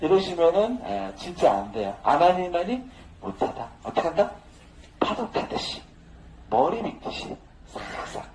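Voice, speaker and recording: A man's voice: a little high, big pitch swings, moderate pace. A man teaching a social dance lesson in a casual, joking manner, laughing often as he talks. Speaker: dance instructor. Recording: echoey room with faint noise.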